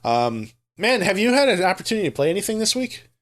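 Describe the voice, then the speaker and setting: A man's voice: high-pitched, very animated, fast talker. Tired, rambling male podcast co-host. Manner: rambling, self-deprecating. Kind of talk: casual chat.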